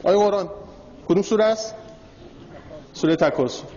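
A man's voice: high voice, mellow. A man giving a religious lecture, telling a story and speaking directly to his audience. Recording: dull lo-fi recording in a reverberant hall.

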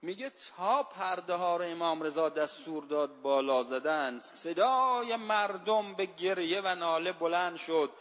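A man with a high-pitched voice delivers a religious sermon as a story. He tells it with strong feeling, and he slows right down to draw out each line of verse. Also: fairly bright tone. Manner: emotive storytelling, slows and stretches verse lines. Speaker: preacher.

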